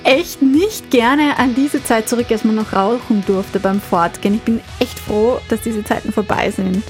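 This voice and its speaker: A woman's voice: on the high side, steady tone, normal speed, soft background music. A woman hosting a radio city magazine, chatting lightly with her co-host.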